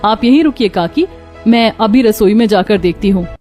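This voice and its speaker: A Hindi cartoon story has every female part, mother-in-law, daughter-in-law and neighbors alike, voiced by a single woman. Her voice sits in the middle range, slightly mellow, at an ordinary pace, and soft music plays faintly behind her.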